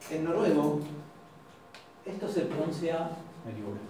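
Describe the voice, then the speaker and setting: A man with an Argentine Spanish accent teaching an informal language class, explaining patiently and repeating example words slowly. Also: on the high side, expressive, warm tone. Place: university classroom. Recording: very echoey classroom, far from mic, faint noise.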